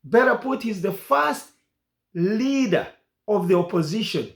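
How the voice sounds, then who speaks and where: A man's voice: sits high, lively intonation, unhurried, vocal fry, reverberant. A man from Uganda giving an impassioned political monologue as a commentator, repeating and hammering his points.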